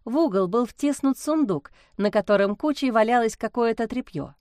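A woman reading a fairy-tale audiobook chapter as narrator, in an even storytelling manner. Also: a little high, moderate pace, no room sound, studio quality. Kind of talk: scripted narration.

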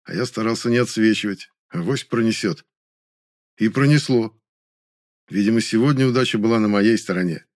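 Low-voiced male audiobook narrator. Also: moderate pace, darkish tone. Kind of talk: scripted first-person narration.

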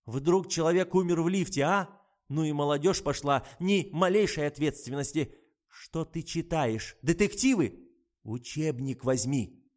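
Man voicing a shrill bossy woman doctor. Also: a little slow, natural voice. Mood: scolding. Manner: shrill scolding outbursts. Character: flustered middle-aged woman hospital doctor, bossy.

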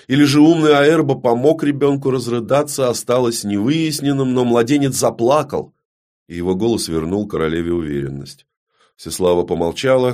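A man with a medium-pitched voice narrates a dark fantasy audiobook, telling the story in a grave, measured way that often sinks to a hush.

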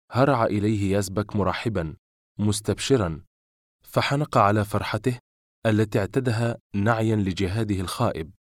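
A male audiobook narrator reads a novel in a measured, literary way. His voice sits low, and the recording is dry and close, with no room around it. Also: a little mellow, no room sound.

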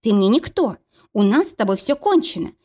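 A woman voicing a frightened young woman, speaking high and pleading. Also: sing-song, brisk, warm tone.

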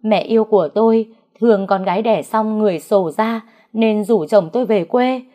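A woman voicing a grief-stricken, furious young mother who talks through tears in a high, shrill voice. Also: moderate pace, highs cut off, close to an everyday voice.

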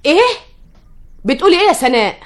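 A woman's voice: sits high, very animated, quick pace. An actress with an Egyptian accent playing a bossy widowed mother in an old radio drama, scolding and insistent. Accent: Egyptian Arabic.

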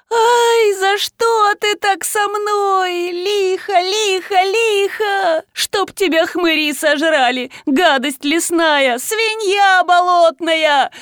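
A woman voicing a young sorceress who wails and curses theatrically at the dark. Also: sits high, no room sound, studio quality, voice pushed up. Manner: theatrical howling and cursing.

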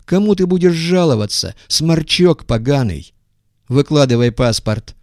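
Man reading as a curt, gruff boss. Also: fairly high pitch, expressive, measured pace, no echo, studio quality, pitched above the performer's own voice. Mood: mocking. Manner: curt, commanding.

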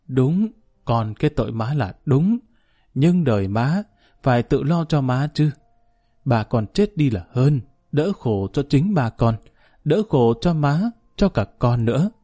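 A man reading a coldly calm, blunt mother. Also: mid-range voice. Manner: flat, even, dry delivery. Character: cold, blunt middle-aged mother, calm and unyielding.

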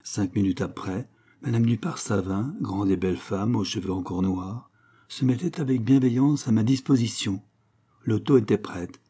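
Male storybook reader, husky and low, expressive with hushed asides. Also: normal speed. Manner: expressive, lively reading with sudden lifts and hushed asides. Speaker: audiobook reader. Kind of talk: reading a short story aloud.

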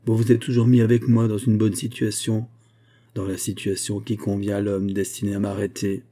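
A man voices a fallen nobleman in an audiobook, cold and dignified, speaking with a low, husky voice. The tone is dark and somber, proud even in defeat. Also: normal speed, natural voice. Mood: resigned. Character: proud weary male superintendent, noble in defeat. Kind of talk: audiobook character reading.

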